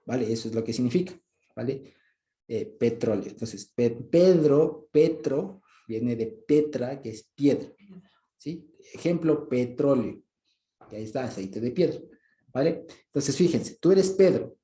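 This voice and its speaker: A man's voice: medium pitch, measured pace. Chuckling man preaching in an echoey room. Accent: Ecuadorian Spanish. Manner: conversational, checks understanding often with short questions and soft chuckles. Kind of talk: informal Bible teaching.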